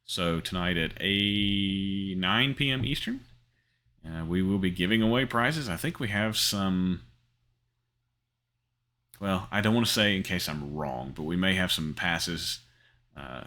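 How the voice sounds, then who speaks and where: A man's voice: sits low, measured pace, bright, forceful tone. A middle-aged man hosting a gaming channel, talking casually over his screen with lots of ums and restarts. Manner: rambling, many fillers and restarts. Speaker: crypto gaming channel host. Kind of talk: casual screen-share commentary.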